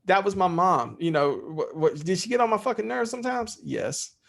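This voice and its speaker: A man's voice: sits high, lively intonation, moderate pace, vocal fry, fairly bright tone. A middle-aged man speaking as a podcast guest in candid interview talk, heartfelt and freely swearing.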